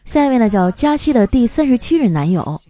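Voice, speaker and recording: A woman hosting a comic storytelling podcast, reading out listeners' jokes and breaking into laughter along the way. Her voice is mellow and a little high, and it swoops up and down constantly. Faint music plays behind her. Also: a little fast. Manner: laughs often while reading, lively. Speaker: host reading joke submissions.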